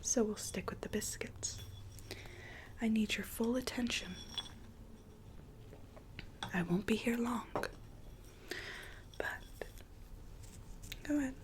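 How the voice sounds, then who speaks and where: Woman acting weary storybook Alice, ASMR roleplay, breathy whisper, lightly high-pitched, gently coaxing. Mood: soothing, coaxing. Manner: slow, hushed, repeats words soothingly.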